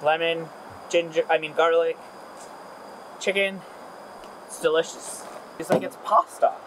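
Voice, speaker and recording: A man's voice: a little high, level tone, unhurried. A man on a camping trip chatting casually and joking outdoors, recorded on a camera mic. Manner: playful, joking. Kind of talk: casual chat. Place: outdoors at a lakeside campsite. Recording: noisy outdoor camera audio. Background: outdoor ambience, dog.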